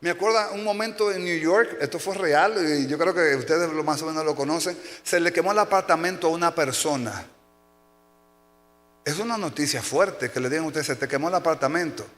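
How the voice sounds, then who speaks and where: A man preaching a sermon as pastor, telling stories with acted-out cries and shouts. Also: fairly high pitch, fairly quick. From Dominican Republic. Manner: animated storytelling, acting out shouts and cries. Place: church sanctuary. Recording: long hall reverb.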